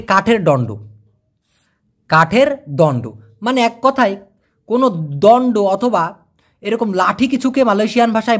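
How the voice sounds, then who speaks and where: A man gives a casual vocabulary lesson with a fairly high, animated voice that swings up and down a lot. He explains each word with everyday examples and says pronunciations over several times, slowly and carefully. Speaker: language teacher.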